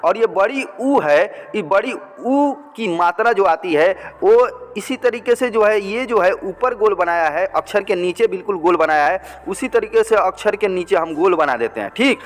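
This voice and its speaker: High-voiced man teaching in a hall. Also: lively intonation, moderate pace, few pauses. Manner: patient, repetitive, checks with "ठीक". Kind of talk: blackboard language lesson.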